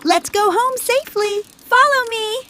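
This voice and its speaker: A woman's voice: very high-pitched, measured pace, pushed and bright, slight background noise. A woman narrating a children's cartoon in simple, upbeat sentences.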